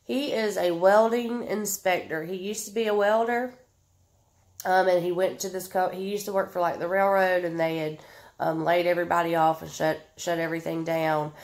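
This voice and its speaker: Gravelly Southern woman with a stuffy nose. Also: lowish voice, fairly even intonation, normal speed. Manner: chatty, drawling, many ums, reads comments aloud. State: stuffed up and sniffling. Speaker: vlogger answering viewer questions. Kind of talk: casual Q&A chat to camera.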